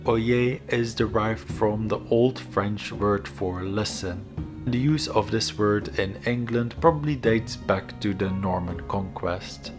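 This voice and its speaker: A man giving a scripted educational history narration in a measured, explanatory manner. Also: fairly low pitch. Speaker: video narrator. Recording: background music under voice. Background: instrumental music.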